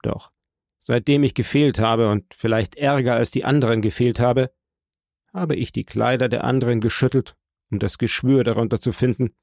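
A man's voice: mid-range voice, fairly even intonation, moderate pace, creaky, a little mellow, no echo, lightly acted. A man playing a stern state prosecutor who argues with dry firmness and feverish rhetoric. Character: stern, bitter male state prosecutor, fervent.

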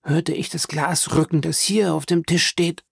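A man's voice: a little high, steady tone, a little slow, creaky, slightly rough, no room sound, studio quality, exaggerated voice. A man voicing a frail, stern old grandmother who speaks in an imperious, insistent way, in an audiobook reading.

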